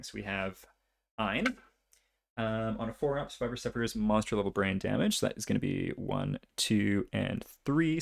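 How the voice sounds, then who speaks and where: A man's voice: on the low side, gravelly. A young man casually narrating his own turns in a solo tabletop board game, thinking aloud and counting dice as he goes.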